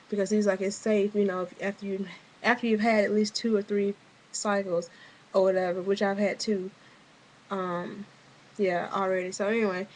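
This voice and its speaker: A woman's voice: medium pitch, a little mellow, a little hiss or hum, poor audio. A young woman giving a casual, rambling video diary update, full of fillers and restarts and an offhand, frustrated edge. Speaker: vlogger.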